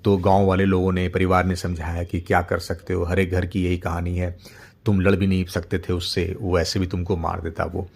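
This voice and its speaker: A man's voice: deep voice, monotone, moderate pace, gravelly, a little mellow. Middle-aged man telling a story. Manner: unscripted, with frequent fillers and repeated words. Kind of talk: casual spoken story narration.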